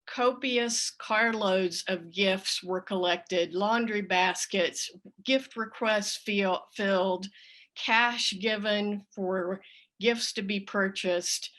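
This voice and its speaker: Addressing her congregation, a female church leader gives announcements and makes an offering appeal in an appreciative, deliberate manner, with a mid-range, slightly bright voice.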